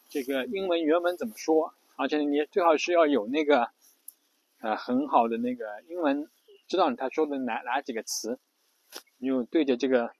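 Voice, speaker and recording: In a lo-fi recording with no echo, a medium-pitched man gives a casual lesson on English pronunciation. He's repetitive, spells out letters, and often restarts or fills pauses.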